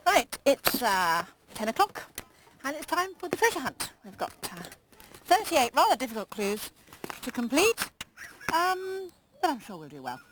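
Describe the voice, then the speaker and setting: A woman's voice: high voice, wildly swooping pitch, a little slow, pauses often, background noise. A woman presenting on location in a chatty, informal way.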